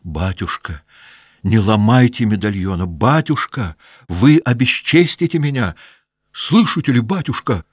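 A man's voice: fairly low pitch, lively intonation, measured pace, husky, no room sound, studio quality, pitched above the performer's own voice. A man voicing a desperate pleading young daughter. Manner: impassioned, loud pleading.

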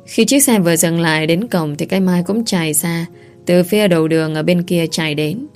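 A woman's voice: on the low side, brisk, darkish tone, soft background music. A woman reading a first-person story aloud, earnest and heartfelt. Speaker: audiobook narrator.

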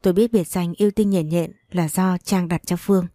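A woman's voice: on the low side, fairly even intonation, a little fast, dark tone, dry recording, clean studio sound. A woman narrating a first-person romance story, reading all the characters' dialogue in her own voice with little change. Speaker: audiobook narrator.

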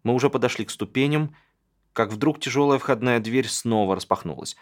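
A man narrating an audiobook in a dramatic, expressive way. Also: mid-range voice, fairly quick.

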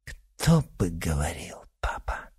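A stubborn young woman talks back with resentment and defiance, as a man puts her on. Her voice stays husky and a little raised. It is an audiobook figure. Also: medium pitch, sing-song, a little slow, darkish tone, voice pushed up, exaggerated voice. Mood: whispered spite.

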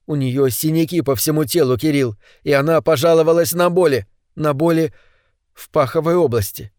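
A frightened young mother, put on by a male storyteller, murmuring soft, repeated reassurances. Her voice sits a little higher and quieter than the reader's own, in a close, dry reading. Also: normal speed, no room sound, natural voice. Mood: worried. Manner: soft, hushed, repeating soothing words. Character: grieving woman, a frightened mother soothing her child.

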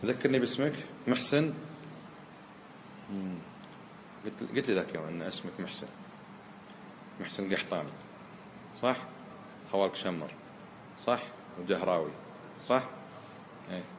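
A man's voice: sits low, expressive, moderate pace, pauses often, a little hiss or hum. A man teaching a grammar lesson, questioning his students and mixing dialect into his explanations. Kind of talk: classroom lesson. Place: lecture room with students. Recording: roomy echo.

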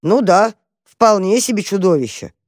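A storyteller voicing a brave, curious young male mouse who talks briskly and takes charge. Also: medium pitch, no echo, studio quality, voice pushed up, natural voice. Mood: eager, impatient. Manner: lively, bossy, impatient.

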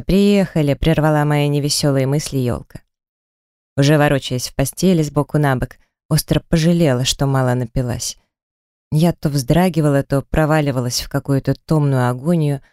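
A woman narrating a first-person audiobook in a lively, expressive reading. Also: deep voice, no room sound, clean studio sound. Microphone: close studio mic.

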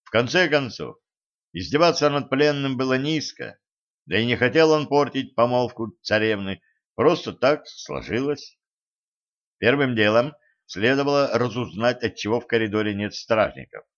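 A man's voice: mid-range voice, lively intonation, moderate pace. Male audiobook narrator, slightly dull sound. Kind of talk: scripted fiction narration.

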